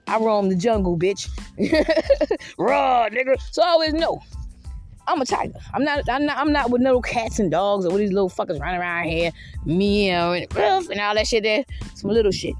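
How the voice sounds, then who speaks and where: A woman's voice: a little high, darkish tone. A woman in her fifties giving a blunt, profane, confrontational monologue, full of "you know what I mean" asides. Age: 50s. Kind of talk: defiant monologue rant.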